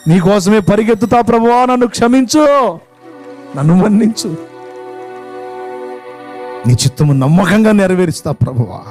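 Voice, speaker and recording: A man's voice: on the low side, animated, normal speed, pauses often, darkish tone, soft background music, natural voice. A man voicing an aged, weary preacher who pleads tearfully.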